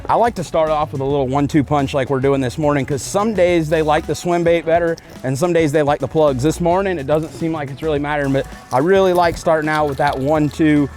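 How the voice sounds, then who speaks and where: A man hosting a fishing show, talking enthusiastically and excitedly while fishing from a boat outdoors. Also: on the high side, fast, hardly any pauses, faint music behind. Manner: enthusiastic, exclamatory. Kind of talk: casual on-camera chat while fishing.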